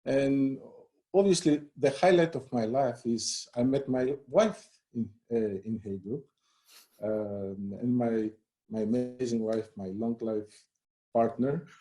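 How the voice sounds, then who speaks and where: Man from Greece, interview guest, HR head, relaxed, conversational, dark mellow voice. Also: medium pitch, slow pace. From Greece and the United States. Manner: relaxed and conversational, frequent "you know" fillers and repeats. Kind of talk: live-streamed interview.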